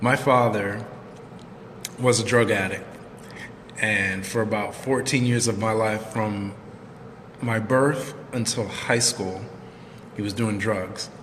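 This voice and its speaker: A man co-hosting a live chat, speaking in an earnest and measured way about personal struggles. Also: lowish voice, steady tone, a bit bright, long reverb tail, a little hiss or hum. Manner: measured, heartfelt, speaks in long sentences. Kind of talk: earnest, reflective sharing.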